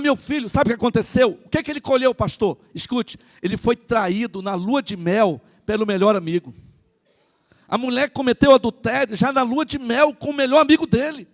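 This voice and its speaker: A male pastor with a Brazilian Portuguese accent, preaching a lively sermon at a church service and calling out to the congregation. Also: very high voice. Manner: animated, calls out to the congregation.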